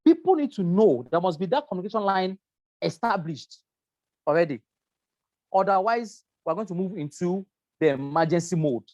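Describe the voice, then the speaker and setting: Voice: medium pitch, expressive, moderate pace, a little mellow, no room sound. Safety trainer lecturing through slides in a dry, close sound; emphatic and repetitive, hesitant with um. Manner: emphatic, repeats key points, frequent um fillers.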